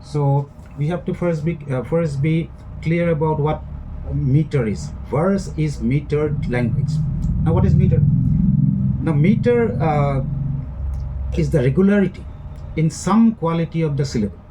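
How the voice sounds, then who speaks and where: A male lecturer with an Indian English accent talks through a recorded lesson in a somewhat high but mellow voice. He explains patiently, repeats and rephrases his points, and fills his pauses with "uh". A faint hiss sits under the recording. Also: rough recording.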